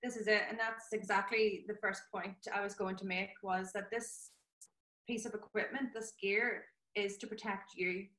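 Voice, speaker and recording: A woman's voice: mid-range voice, fairly even intonation, normal speed, bright, forceful tone. A woman giving a practical, step-by-step spoken demonstration as a nurse. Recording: roomy, echoing sound.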